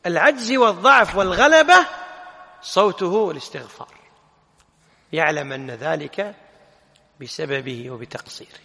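A man teaches a religious text and throws rhetorical questions at his listeners. His voice sits high and carries a gravelly edge, and it comes across bright and forceful. A long reverb trails each phrase, as in a large hall. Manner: animated, rhetorical questions, corrects the reader. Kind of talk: explaining a religious text in a lesson.

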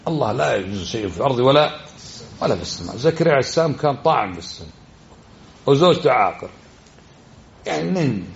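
A man's voice: medium pitch, sing-song, quick pace, creaky, long pauses, dull audio, slight background noise. A man giving a religious lesson, exhorting his listeners and often asking them questions. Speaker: religious teacher.

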